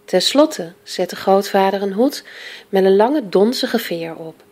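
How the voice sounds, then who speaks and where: A woman reading a children's picture book aloud in a lively, expressive way. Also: medium pitch, slow. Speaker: storyteller.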